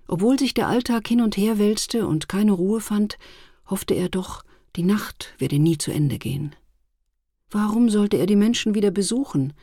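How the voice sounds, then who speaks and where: Woman narrator for a fairy tale; husky, low, measured, no room sound. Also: no room sound, studio quality. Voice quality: husky, gravelly. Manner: calm, measured storytelling. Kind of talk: storybook reading.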